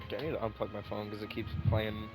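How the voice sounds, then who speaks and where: Loud music plays behind a fast-talking man with a lowish voice. He's a gaming streamer offering casual, excitable live reactions and repeats himself as he thinks aloud.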